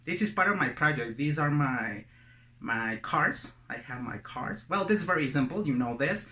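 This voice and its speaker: In an echoey room, a male teacher from Latin America, a native Spanish speaker, runs a casual lesson, encouraging students and repeating words and phrases so they can practice. He sounds fairly high-pitched, animated, bright, and forceful, at a moderate pace.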